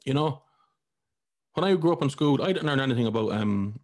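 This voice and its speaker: An Irish podcast host in his forties talks briskly in a mid-range, slightly mellow voice with lively intonation. The conversation is casual, but he is blunt and heated, swearing freely.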